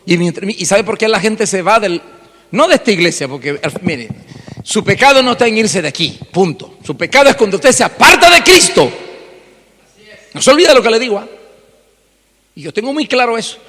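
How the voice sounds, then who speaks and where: Pastor guy preaching loud and animated, highish voice, big echoey church. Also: moderate pace, pauses often. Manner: animated preaching, rhetorical questions, acts out congregants' voices. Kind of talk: sermon. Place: church hall. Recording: long church reverb.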